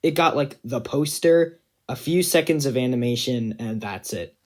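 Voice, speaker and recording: A man's voice: medium pitch, normal speed. A young man giving casual, self-deprecating commentary on his own animation project, rambling with many fillers.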